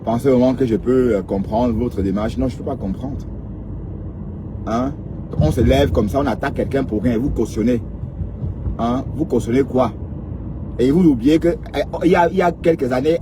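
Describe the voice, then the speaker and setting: A man's voice: medium pitch, moderate pace, noisy background. A man, commenting on online drama in a casual way, speaking straight to his viewers and often asking a rhetorical "hein?". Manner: rhetorical, peppers talk with questioning "hein?". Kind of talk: casual live commentary on social media drama.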